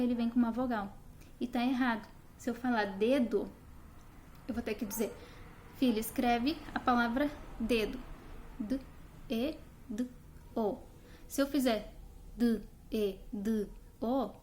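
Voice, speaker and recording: A woman's voice: on the high side, darkish tone, slight background noise. A woman teaching phonics in a video lesson, patiently explaining and repeating short letter sounds.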